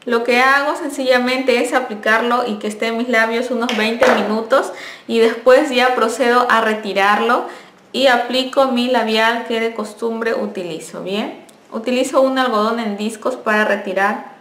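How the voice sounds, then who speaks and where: A woman's voice: on the high side, fairly even intonation, moderate pace, fairly bright tone. Chatty young woman, echoey room. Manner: friendly, chatty, self-correcting. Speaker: beauty vlogger. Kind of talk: casual product review.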